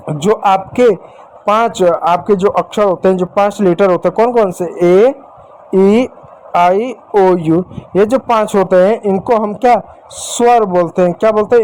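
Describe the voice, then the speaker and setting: High-voiced man teaching to children. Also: a little mellow. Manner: addresses children directly, repeats points, asks questions. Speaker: English teacher. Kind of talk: classroom-style lesson for children.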